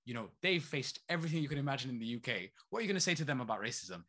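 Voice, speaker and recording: A male activist with roots in both Saudi Arabia and East London speaks rapid-fire as an interview guest, his slightly bright mid-range voice swinging widely in pitch. The conversation is animated, and he keeps lobbing rhetorical questions.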